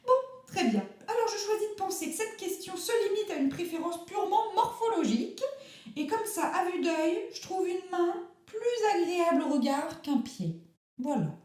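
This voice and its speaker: A grand national actress with a fearful, fussy streak, as a woman puts her on for a comic radio sketch. Her voice sits high and swoops widely, and she talks in an affected, precious and rambling manner. The recording is roomy. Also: expressive, normal speed, darkish tone.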